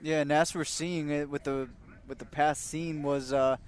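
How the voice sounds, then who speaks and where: A man's voice: on the high side, level tone, moderate pace, clear, resonant tone. A man giving casual analysis as a boxing commentator, with faint noise behind him.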